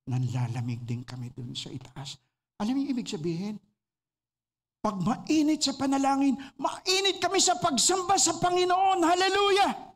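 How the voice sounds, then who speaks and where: A preacher with a Filipino accent giving a radio sermon, mixing English and Filipino and asking the listeners rhetorical questions. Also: medium pitch. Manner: preaches with lively emphasis, stressing key words.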